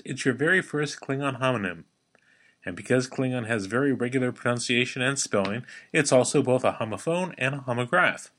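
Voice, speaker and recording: A man hosting a daily language-lesson podcast, teaching in a playful, wry way and slowing down to model sounds for the listener. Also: medium pitch, sharp tone. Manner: slows down to spell out and model pronunciation.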